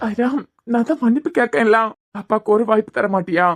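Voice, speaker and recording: A woman voicing a grieving young father, a doctor, who pleads softly and sorrowfully with his frightened daughter in Kanyakumari Tamil. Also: on the high side, fairly quick, soft background music, natural voice. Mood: pleading. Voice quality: pleading, sorrowful, repeating the child's name. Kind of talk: cartoon voice acting.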